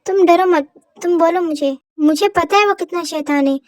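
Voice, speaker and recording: A woman's voice: very high-pitched, normal speed, darkish tone, dry recording, studio quality. A woman voicing a fussy, doting middle-aged mother-in-law who coaxes a shy girl in a fan-fiction voice story. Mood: coaxing. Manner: fussy, coaxing.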